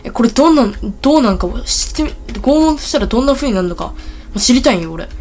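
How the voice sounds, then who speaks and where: A woman hosting a casual gameplay video, rambling and excitable with blunt, rough speech, talking a little thickly from a bitten tongue. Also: fairly high pitch, fast, a little hiss or hum. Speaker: gaming video host.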